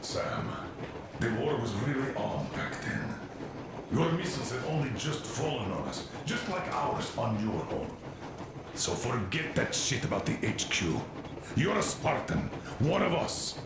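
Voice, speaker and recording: Commanding Russian colonel, echoey. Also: male voice, medium pitch, very animated, a little slow. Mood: firm, reassuring. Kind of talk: video game dialogue. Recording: distant, very echoey, noisy game audio.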